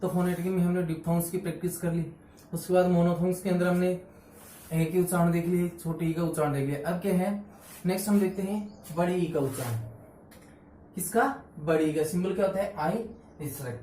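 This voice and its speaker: A man teaches phonetics at the board, asking questions and answering them himself. His voice is mellow and sits back from the microphone. The room rings with echo, and faint room noise stays underneath. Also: high-pitched, steady tone, fairly quick. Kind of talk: blackboard phonetics lesson. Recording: roomy echo, mic far off.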